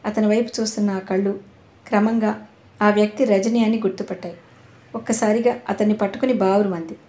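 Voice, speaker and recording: A woman narrating an audio novel in a calm, measured storytelling voice. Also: medium pitch. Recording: roomy echo.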